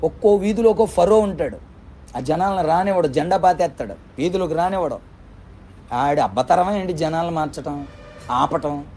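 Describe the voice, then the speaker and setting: Fervent preaching man, slightly high voice. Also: normal speed, warm tone, slight background noise. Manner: fervent, repetitive preaching with rhetorical questions. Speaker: pastor. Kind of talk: sermon.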